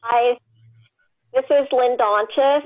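A woman's voice: fairly high pitch, steady tone. A woman resident calling in by phone to ask a question at a council meeting. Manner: slow, plain questioning. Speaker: resident caller. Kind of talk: public comment by phone. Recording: telephone line.

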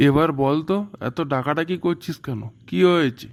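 A man voicing a lovesick young man in a cartoon, who talks in an excitable, dramatic way. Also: fairly high pitch, normal speed, natural voice. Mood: eager. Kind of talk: animated cartoon voice acting.

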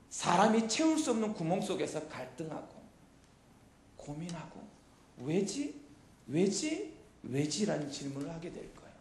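A middle-aged man preaching a youth sermon into a handheld mic in a church hall, animated and quizzing his listeners with questions. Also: sits high. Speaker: pastor. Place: church hall with chalkboard, indoors.

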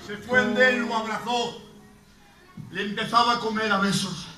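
A man from preaching an emphatic sermon that builds to shouts. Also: high-pitched, steady tone, normal speed. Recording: echoey hall, far mic, music behind.

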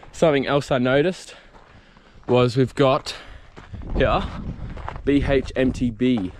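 A man's voice: mid-range voice, a little mellow. This is a young Australian man from South Australia chatting to his camera while out mountain biking. He rambles easily, cracks dry jokes and fills gaps with ums. His voice sits in a middling register, picked up by a camera mic outdoors with faint background noise. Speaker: mountain bike vlogger. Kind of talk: casual vlog chat. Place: outdoors on bush trails.

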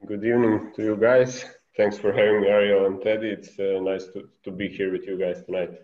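A Serbian-accented basketball coach in his thirties speaks conversationally as a guest on an online video call, which sounds muffled and echoey. He's indoors in a bright room by a window, his voice lowish, level, and a little fast.

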